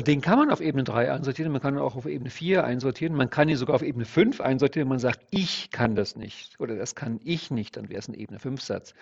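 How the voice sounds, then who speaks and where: A man's voice: medium pitch, creaky. A man who works as an NLP trainer, explaining his ideas step by step in an interview. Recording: dull lo-fi sound.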